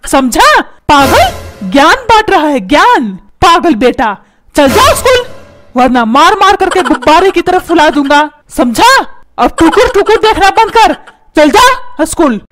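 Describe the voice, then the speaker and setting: A woman voicing a hot-tempered, stingy cartoon father who scolds and barks orders. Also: very high-pitched. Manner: scolding, bossy, shouting orders.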